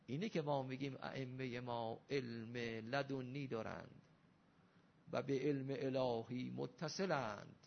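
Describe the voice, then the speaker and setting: A man's voice: fairly high pitch, creaky, husky. A man giving a religious lecture, arguing with rhetorical questions and emphatic rising delivery. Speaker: Shia cleric lecturer. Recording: dull lo-fi recording.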